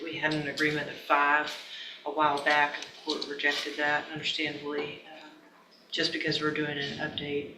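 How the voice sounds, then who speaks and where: A man, an attorney with a slightly high voice, addresses the judge in a courtroom. His pitch moves little. He is picked up from a distance amid loud noise. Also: completely flat delivery, moderate pace. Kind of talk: informal legal argument in courtroom. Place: courtroom, away from the mic. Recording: distant, echoey, very noisy courtroom audio.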